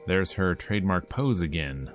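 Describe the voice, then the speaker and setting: Over music, a low-voiced man hosts a let's play, reading visual novel text at a moderate pace with lively intonation. Between the read lines he slips in playful, casual remarks, as is typical of his gameplay video series.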